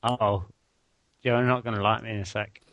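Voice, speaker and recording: A man's voice: fairly low pitch, steady tone, normal speed, fairly bright tone, no echo. A man hosting a live video chat at his computer, rambling and swearing in casual banter.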